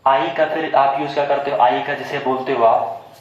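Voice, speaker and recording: Male teacher, classroom pronunciation lesson, spells and repeats words, booming room echo, muffled sound. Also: fairly even intonation, moderate pace. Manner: quizzing pupils, spelling words out and repeating them. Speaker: English teacher.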